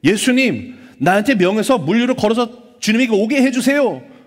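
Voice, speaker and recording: Pastor, male, high voice, dramatic preacher, church hall reverb. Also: expressive, normal speed. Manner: dramatic, acts out biblical figures; asks the congregation questions. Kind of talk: sermon. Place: church sanctuary.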